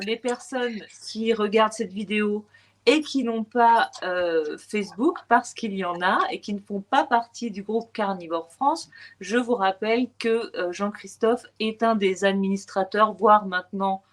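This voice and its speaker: A woman hosting a conversational online interview, introducing her guest and putting questions. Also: mid-range voice.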